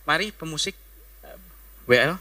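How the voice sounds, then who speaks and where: A man's voice: fairly high pitch, lively intonation, moderate pace, sharp tone. A man preaching a sermon in a conversational way, talking straight to the congregation and now and then dropping his voice to a near-whisper. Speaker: pastor.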